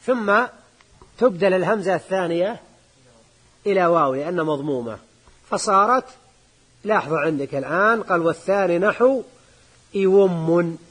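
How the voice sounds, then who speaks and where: A man's voice: sits high, lively intonation, a little fast, long pauses, pushed and bright, husky. A man, an Islamic scholar giving a classroom grammar lecture, reading out a text, explaining it line by line and often asking his students short checking questions.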